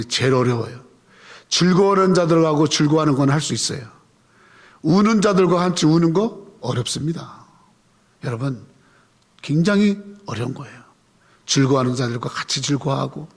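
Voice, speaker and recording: A man's voice: a little high, breathy edge. A man preaching a conversational sermon, asking the congregation questions and leading them in reading scripture aloud. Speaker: pastor. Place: church sanctuary. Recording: long hall reverb.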